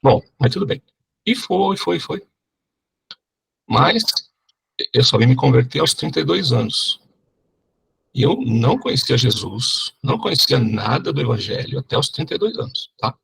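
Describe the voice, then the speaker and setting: A middle-aged man telling his testimony in a sermon, animated and often checking in with the crowd. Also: mid-range voice, moderate pace, creaky, pauses often, breathy edge. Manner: animated storyteller, keeps asking the crowd "né?". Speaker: preacher giving testimony.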